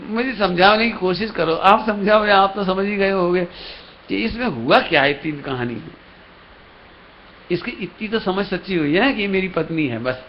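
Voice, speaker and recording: High-voiced man preaching a story sermon. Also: animated, normal speed. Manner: storytelling, acts out characters' dialogue, asks the audience questions. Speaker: Jain preacher. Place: lecture hall at a religious camp. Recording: dull live stream audio with faint hiss.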